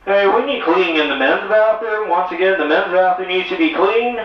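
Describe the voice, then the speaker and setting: Guy on a store pa loudspeaker doing announcements, higher voice, super echoey and far off, says everything twice. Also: normal speed, muffled recording, loud music behind the voice. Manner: repeats each notice with "once again", then signs off "thank you". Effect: store public-address loudspeaker announcement. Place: large store.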